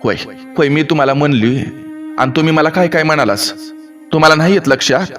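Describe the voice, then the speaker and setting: Defiant young village daughter-in-law, man putting her on, shrill, loud, scolding, faint music. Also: fast talker, lightly acted. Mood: indignant.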